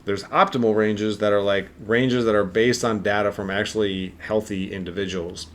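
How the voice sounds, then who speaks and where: A man's voice: on the low side, fairly even intonation, moderate pace. A man co-hosting a health podcast, explaining in a rambling, casual way with lots of fillers. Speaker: podcast co-host.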